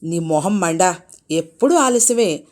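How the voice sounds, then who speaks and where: A woman voicing an angry, foul-mouthed male village farmer who shouts and scolds his wife in a storybook tale. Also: mid-range voice, very animated, normal speed, lightly acted. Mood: shouting angrily.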